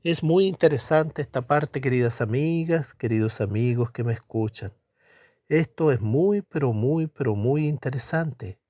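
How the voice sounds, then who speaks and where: A middle-aged man delivers an emphatic Bible teaching sermon, posing questions and answering them himself while repeating the tag "¿no es cierto?" His voice is medium-pitched, dark and unhurried, recorded dry.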